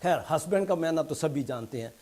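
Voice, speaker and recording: A stand-up comedian telling jokes as short stories, mixing in English punchlines and dropping his voice low and soft for quoted replies. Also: animated, very noisy. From England. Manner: storytelling in Urdu mixed with English punchlines; soft, low asides when quoting characters.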